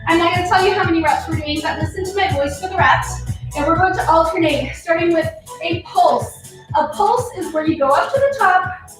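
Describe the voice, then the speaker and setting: A woman with a very high voice instructs like an aerobics coach, counting reps and urging people on with energy. She sounds far from the mic in a very echoey room, with music playing behind her. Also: brisk. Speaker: fitness instructor. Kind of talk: aerobics instructor leading a follow-along workout with counted reps. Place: indoor home workout space.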